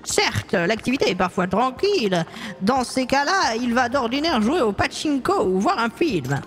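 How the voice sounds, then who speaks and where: A woman's voice: on the high side, sing-song, unhurried. A woman voicing a worried older female café owner who suspects her husband, in a fan dub of a game scene, hesitant and fussy. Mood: anxious. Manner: hesitant, fussy, many sighing fillers.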